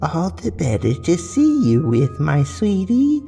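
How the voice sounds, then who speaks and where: A man voicing a wolf who poses as a sweet old grandmother, with a soft, raspy old-lady voice and a falsely coaxing manner, in a storybook horror tale. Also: a little high, wildly swooping pitch, slow, in a large hall, faint music behind, voice pushed up, exaggerated voice.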